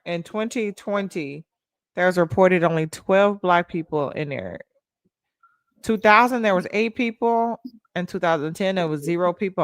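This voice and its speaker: A woman hosting a casual video-call chat, loud and animated, swearing and laughing as she reacts. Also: lowish voice, smooth, no echo. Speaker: host.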